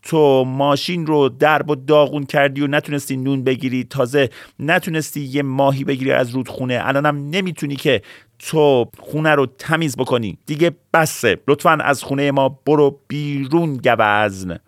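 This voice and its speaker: A man voicing an exasperated mother in a children's story, in a high, insistent voice. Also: fairly even intonation, dry recording, clean studio sound, natural voice. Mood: scolding. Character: scolding mother, shrill and exasperated.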